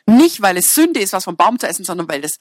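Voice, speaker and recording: A woman's voice: mid-range voice, big pitch swings, fast talker, dry recording, clean studio sound. A woman preaching a sermon in a chatty, humorous way, teasing her congregation and correcting herself with fillers as she goes.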